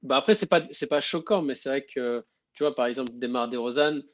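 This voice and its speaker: A man with a middle-pitched voice, co-hosting a casual basketball live stream. He talks hesitantly and repeats words as he searches for them. His mic sounds a little dull and lo-fi. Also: brisk. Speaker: podcast co-host.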